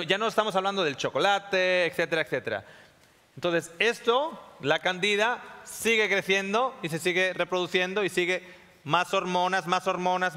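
Male lecturer, high, sharp voice, keeps checking in with the audience; long hall reverb. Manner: checks in often with the audience, repeats phrases. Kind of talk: classroom talk to a live audience.

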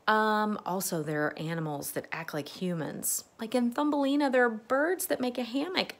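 A woman reading a fairy tale aloud to young children as their teacher. Her voice climbs and dips in a lively sing-song. She talks gently and expressively, like a circle-time host. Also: mid-range voice. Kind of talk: reading a picture book to children.

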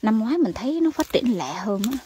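A woman from Vietnam, chatting excitedly to her viewers as she picks vegetables in her home garden outdoors. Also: a little high, brisk, slight background noise. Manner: chatty and exclamatory, calls viewers family. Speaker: gardening vlogger. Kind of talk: casual chat to viewers while harvesting.

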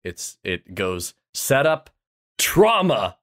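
A man's voice: fairly low pitch, sing-song, extremely slow. A man co-hosting a podcast in casual chat, with a dry, joking way of talking. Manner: jokey, dry, slips into silly voices. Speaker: podcast co-host.

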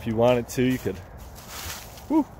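A middle-pitched man with a dark tone walks a woodland trail by a lake, rambling easily to the handheld camera or phone and repeating the starts of his phrases. His pitch swings hugely at a moderate pace, while faint hiss and distant highway traffic lie under the outdoor recording.

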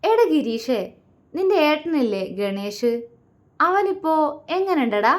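A woman's voice: high voice, animated. A woman voicing a menacing young man who mocks and taunts his enemy, in a storybook reading. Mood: taunting. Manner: sneering, taunting, slow and deliberate.

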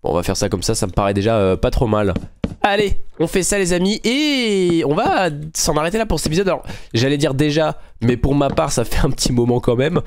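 Brisk and animated, a man with a slightly high voice chats casually to viewers while building in a game on his gaming channel. His friendly commentary addresses the audience directly, and the recording has no room sound.

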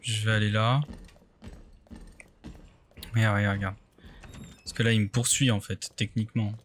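A man's voice: on the low side, flat delivery, brisk, slight background noise. A man doing casual let's play commentary, thinking aloud and muttering hesitantly to himself in short bursts. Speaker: let's play video game streamer.

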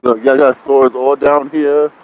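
A man livestreams on a phone camera, held or worn, while walking a busy city street, sweaty and out of breath. His medium-pitched voice is flat, measured and a little mellow as he chats with viewers, greets them and begs for shares. The low-quality recording picks up traffic and city bustle.

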